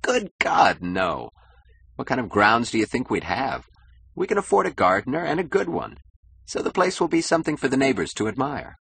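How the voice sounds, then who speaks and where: A man's voice: medium pitch, wildly swooping pitch, normal speed, gravelly, fairly bright tone, a little hiss or hum, pitched above the performer's own voice, heavily acted. A man voicing an insecure, status-hungry young husband who talks eagerly and boastfully in an audiobook. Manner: eager, boastful, nervously defensive. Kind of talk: audiobook character voice.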